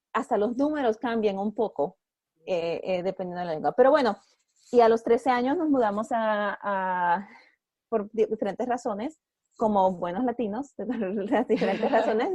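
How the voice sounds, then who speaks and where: A woman's voice: a little high, a little mellow, no echo. A woman, a podcast guest telling her story in a chatty way, often restarting sentences and slipping in English words. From Dominican Republic. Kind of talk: casual interview conversation. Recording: dry, slightly muffled recording.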